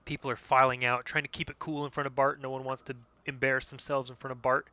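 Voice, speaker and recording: Bright-toned man game master. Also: mid-range voice, little pitch movement, fast, highs cut off. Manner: loose, descriptive narration with many "like" fillers. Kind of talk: narrating a tabletop game.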